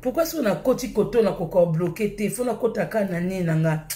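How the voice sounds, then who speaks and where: A woman's voice: mid-range voice, expressive, a little fast, warm tone, slight background noise. A woman from Congo with a Congolese French accent, hosting her live stream in a heated, scolding rant full of insults. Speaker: livestream host. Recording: echoey room.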